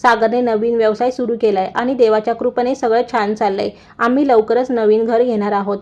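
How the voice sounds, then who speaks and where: A woman voicing a kind, hardworking young wife who speaks gently and calmly, in a dull lo-fi recording. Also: fairly high pitch, a little fast, lightly acted. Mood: gentle. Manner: gentle, calm.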